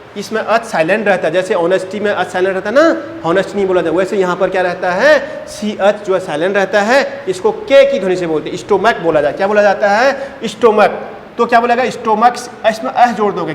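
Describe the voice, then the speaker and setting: Calling his students "beta," a fairly high-voiced male teacher runs them through grammar rules, asking his own questions and then answering them. It's recorded in a spacious classroom where a long reverb lingers over faint background noise.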